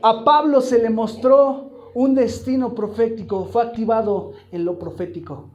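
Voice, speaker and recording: A man's voice: extremely high pitch, steady tone, unhurried, darkish tone, muffled recording, faint music behind. A man preaching a live sermon to a congregation, emphatic and throwing repeated questions at the room. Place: church hall, live congregation.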